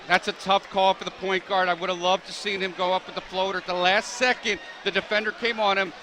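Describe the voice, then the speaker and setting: A man doing live sports commentary in an excited, emphatic way. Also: high-pitched, fairly quick. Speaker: play-by-play announcer. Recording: crowd noise at a game.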